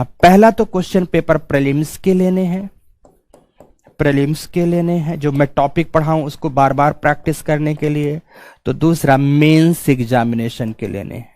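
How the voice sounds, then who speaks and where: A man's voice: a little high, moderate pace, darkish tone, no echo. A male teacher giving a stern exam-prep lecture, scolding students and repeating key points for emphasis.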